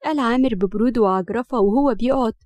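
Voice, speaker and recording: A woman with an Egyptian accent narrating a romance story in a brisk storytelling manner. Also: a little high, a little mellow, dry recording.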